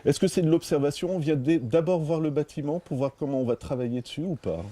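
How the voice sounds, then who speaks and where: A local TV reporter, a man with a voice on the high side, talks fast yet sounds mellow. He's conducting an outdoor interview by a church, asking friendly, leading questions.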